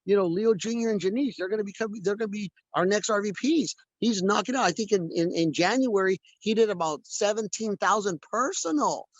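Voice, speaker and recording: A man's voice: sits high, a little fast, hardly any pauses, dry recording, dull audio. A man leading a video call, giving a motivational talk to his sales team and repeating phrases for stress.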